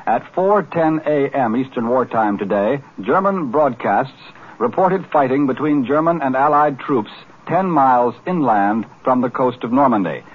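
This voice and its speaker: A man's voice: mid-range voice, breathy edge. A man anchoring live wartime radio news coverage, reading wire bulletins with brief hesitant asides, heard as an old 1940s radio newsreel. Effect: old 1940s radio newsreel sound. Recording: tinny lo-fi 1940s radio broadcast.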